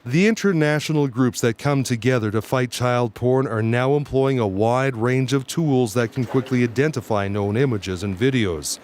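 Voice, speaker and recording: A male news reporter reads a scripted report in a measured, steady manner at a middle pitch. A faint hum of noise sits behind him.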